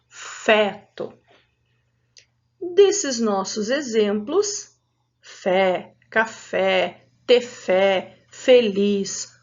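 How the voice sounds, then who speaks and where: Slow, patient woman teacher sounding out syllables. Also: fairly high pitch, darkish tone, lo-fi sound. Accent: Brazilian Portuguese. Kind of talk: adult literacy lesson.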